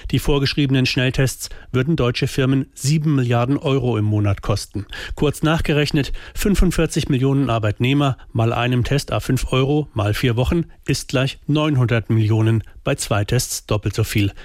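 A man's voice: medium pitch, moderate pace, hardly any pauses, a little mellow, no echo, clean studio sound. A man delivering a pointed, sarcastic scripted radio commentary.

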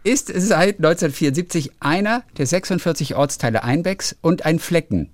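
A man's voice: a little high, expressive, fairly quick, dry recording. A man, a radio host, chatting casually on the phone and telling rambling little stories.

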